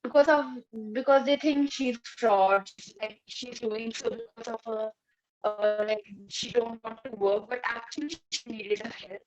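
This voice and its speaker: A woman's voice: a little high, steady tone, unhurried, soft background music. A woman of nineteen, a student speaking hesitantly with many fillers over an online call that keeps breaking up and fading. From India. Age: 19, late teens. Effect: call dropping out, voice breaking up and fading. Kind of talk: spontaneous spoken-English discussion. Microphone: online video call. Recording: muffled, breaking-up video call audio.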